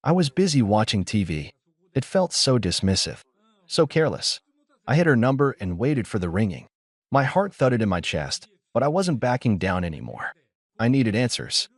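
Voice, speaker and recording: A man's voice: mid-range voice, sing-song, moderate pace, dry recording. A man reading a dramatic first-person story aloud as a scripted narration.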